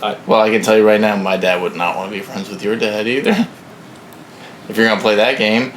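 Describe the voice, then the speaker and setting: A man's voice: on the low side, fairly even intonation, fast talker, fairly bright tone, echoey room. A man co-hosting a comedy podcast, blunt and wry, often sounding exasperated in casual banter. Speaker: podcast co-host.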